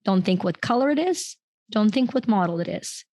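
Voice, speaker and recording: Speaking at a normal pace, a middle-aged Ukrainian woman with a medium-pitched, darkish voice and lively intonation tells her story as a podcast guest. An author and coach, she keeps the interview conversational and laughs often mid-sentence; there's no echo.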